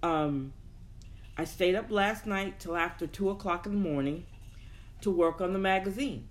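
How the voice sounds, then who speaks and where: Speaking at a medium pitch and a moderate pace, this personal development show host chats informally with an audience. The talk is casual and motivational, and the host thinks aloud and repeats words for emphasis.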